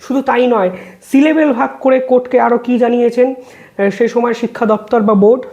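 A man with a very high voice delivers political news commentary, pressing his questions in a pointed way. He reads passages from documents slowly and deliberately, then explains them. The recording is dull and lo-fi. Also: fairly even intonation, warm tone.

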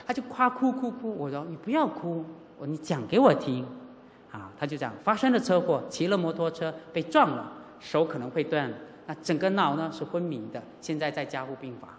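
Middle-aged preacher, animated storytelling sermon, lively pitch, long hall reverb. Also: a little fast. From Taiwan. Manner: animated, acts out dialogue, asks the audience rhetorical questions. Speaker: Buddhist teacher giving a sutra lecture. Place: lecture hall at a Buddhist centre.

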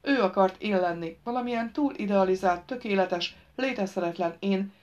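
A woman narrating a novel as an audiobook in a measured storytelling manner, shifting her voice for the characters' dialogue. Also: mid-range voice, darkish tone, muffled recording.

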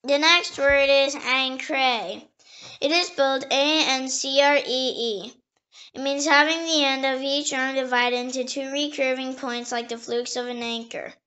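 High-voiced woman reading dictionary entries slowly. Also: fairly even intonation, pushed and bright, muffled recording. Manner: slow, careful reading, spelling words letter by letter, with small slips and restarts. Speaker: dictionary reader.

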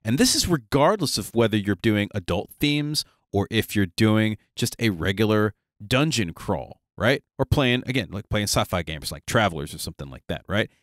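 A man's voice: fairly low pitch, normal speed, hardly any pauses, dry recording, studio quality. A man hosting a casual panel chat, telling stories in a jokey way. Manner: animated, jokey storyteller. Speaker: podcast host.

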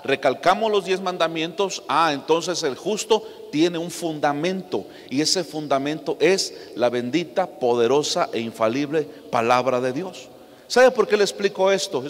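A man preaching a sermon, firing rhetorical questions at his congregation. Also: sits high. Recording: long reverb of a church hall.

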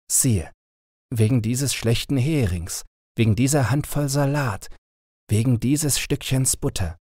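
A man's voice: mid-range voice, darkish tone, dry recording, clean studio sound, close to an everyday voice. A man voicing a homesick, pleading young boy in a storybook reading, with an earnest, plaintive manner. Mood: anxious.

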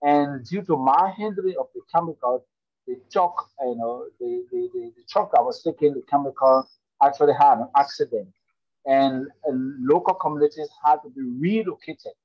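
A man from Liberia joins a video call from a public space as a webinar participant and asks a question. His voice is fairly high with a darkish tone and a moderate pace, and he speaks earnestly, full of fillers and restarts. The call audio is dry, dull and lo-fi.

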